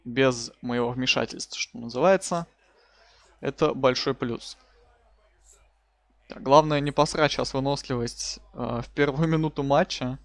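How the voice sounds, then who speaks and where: A man's voice: mid-range voice, measured pace, vocal fry, no echo. A man giving casual, slangy live commentary as he hosts a gaming stream. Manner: informal, colloquial, slangy. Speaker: live streamer hosting a wrestling game stream.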